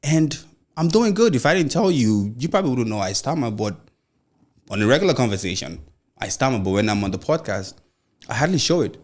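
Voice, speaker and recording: In a sing-song, medium-pitched voice and at a fairly quick clip, a young man with a Nigerian accent hosts a motivational podcast on his own. A mild stammer is present, and he sounds earnest and encouraging, talking loosely with many "you know"s.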